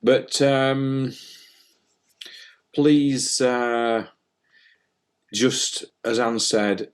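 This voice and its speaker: A man, co-hosting a casual spiritual chat in a gentle, reassuring and jokey way. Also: medium pitch, fairly even intonation, drawn-out words, clean tone. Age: 50s. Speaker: spiritual medium and co-host.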